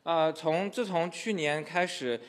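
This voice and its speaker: A man with a voice on the high side interprets a sermon into another language in a church hall, unhurried but hesitant and full of filler sounds. The hall is echoey.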